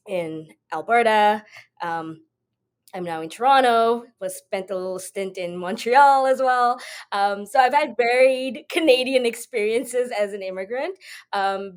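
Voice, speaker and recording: Podcast guest: woman in her 30s from South Africa, lowish pitch, thoughtful and advising. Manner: reflective, advising tone. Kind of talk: conversational interview answers.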